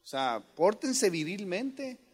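High-voiced pastor preaching. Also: male voice, sing-song, slow pace, breathy edge. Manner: joking, suddenly shouts quoted commands; calls the congregation brothers. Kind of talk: humorous sermon.

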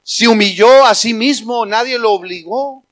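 A pastor preaching a sermon, emphatic and speaking directly to the congregation as brothers. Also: male voice, very high-pitched, normal speed, a bit bright.

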